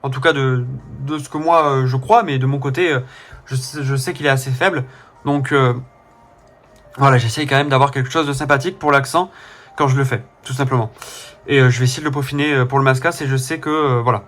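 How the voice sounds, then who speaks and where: A man's voice: mid-range voice, steady tone, fairly quick, fairly bright tone. A young man with a faint southern French accent, casually commenting on a game he plays, rambling with fillers and self-corrections. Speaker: let's player.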